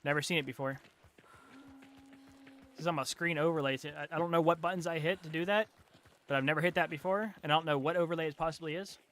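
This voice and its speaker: A young man streaming a game, ranting in frustration and swearing, with loud outbursts. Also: on the high side, fairly even intonation, fast talker, long pauses. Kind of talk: live game stream commentary.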